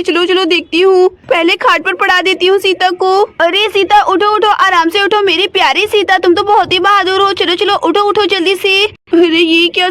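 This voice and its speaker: A worried young mother doll, as a woman puts her on in a homemade doll story, fretting aloud and asking again and again what she should do. The voice sits very high and sounds bright and sharp. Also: no echo. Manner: fretful, keeps asking what to do.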